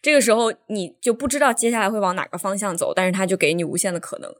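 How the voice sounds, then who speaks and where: A woman's voice: medium pitch, racing. Reflective woman musing on a film. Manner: reflective, trails off and restarts with fillers. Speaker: podcast co-host. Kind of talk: casual film discussion.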